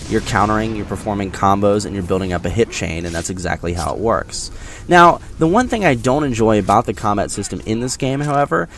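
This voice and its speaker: Low-pitched man giving casual game commentary. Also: slight background noise. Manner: conversational, explanatory, addressing viewers directly. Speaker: video game reviewer. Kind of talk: casual scripted-free game impressions commentary over gameplay.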